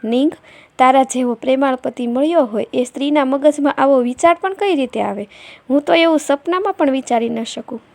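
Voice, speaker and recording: A woman's voice: high voice, fairly quick, gravelly, darkish tone, dry recording. A woman voicing a devoted, heartbroken middle-aged wife who pleads with her husband. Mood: tender.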